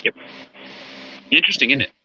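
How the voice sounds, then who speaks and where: A man's voice: brisk, pushed and bright. A man on a call-in sounding like he talks over an old telephone, arguing his point in a casual group debate with pointed rhetorical questions. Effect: sounds like talking over an old telephone. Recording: muffled lo-fi line with faint noise.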